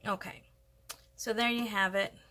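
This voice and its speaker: A woman's voice: mid-range voice, steady tone, measured pace, pushed and bright. A woman hosting a casual crochet tutorial, chatting and thinking aloud as she works. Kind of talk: casual step-by-step craft tutorial.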